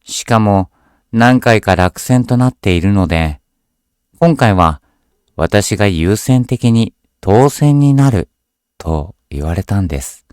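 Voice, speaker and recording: A man reading a scripted horror story aloud as a narrator, in a measured, deliberate storytelling delivery. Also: lowish voice, lively intonation, a little mellow, clean tone, no echo, clean studio sound.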